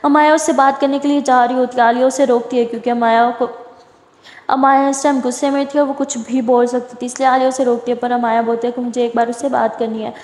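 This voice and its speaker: A woman's voice: a little high, little pitch movement, quick pace, a little mellow. A woman retelling a love story in a chatty, casual way, with fillers. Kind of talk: casual spoken story narration. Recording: roomy echo with long reverb.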